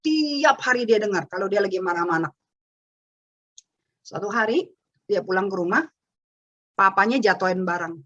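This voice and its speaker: A woman's voice: mid-range voice, lively intonation, moderate pace, long pauses, fairly bright tone, highs cut off. A woman giving an earnest parenting talk to parents over a webinar. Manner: earnest, addresses parents directly. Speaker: parenting speaker.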